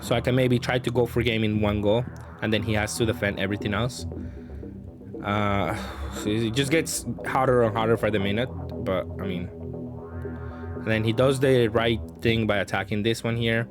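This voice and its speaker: A card game player who hosts his own channel offers casual commentary on his gameplay, hesitantly thinking aloud as he weighs his options. His voice sits on the low side, steady in tone, at a normal speed, with background music playing.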